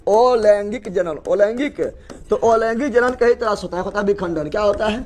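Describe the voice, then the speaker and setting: Male teacher, high voice, classroom lecture, repetitive question-and-answer drilling. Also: fast talker. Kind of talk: classroom lecture with call-and-response.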